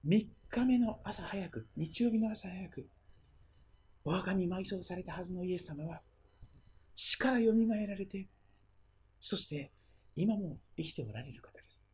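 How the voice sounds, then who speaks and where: A pastor preaching a sermon and retelling the story, often letting phrases trail into a hush. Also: mid-range voice, expressive, moderate pace, long pauses, breathy edge.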